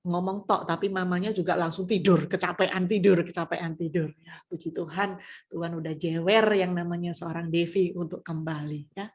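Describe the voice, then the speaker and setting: A middle-aged woman with a Surabaya Indonesian accent preaches a personal testimony sermon, shifting between soft asides and raised exhortation. Her voice is fairly low with fairly even intonation and a moderate pace.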